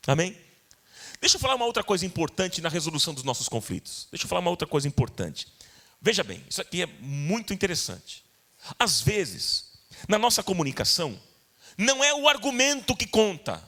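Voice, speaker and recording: A man's voice: sits high, sharp tone. A man with a Brazilian Portuguese accent preaching a sermon as pastor, earnest and repetitive, speaking directly to his congregation in church.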